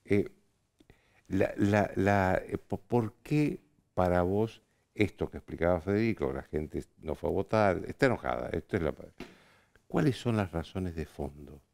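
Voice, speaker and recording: A man hosting a TV news interview show, asking questions in a halting, restarting way. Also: sits low, animated, gravelly, a little mellow. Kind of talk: interviewing guests.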